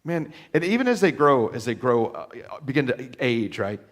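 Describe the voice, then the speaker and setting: A man preaching a sermon in a church, folksy and animated, acting out little quoted voices and repeating words as he starts a thought. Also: medium pitch, normal speed. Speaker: pastor. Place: church sanctuary.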